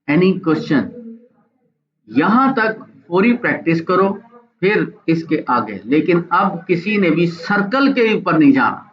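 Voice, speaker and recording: A man teaching a live online graphics software class, chatty and encouraging, often checking in with his students. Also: fairly high pitch, highs cut off.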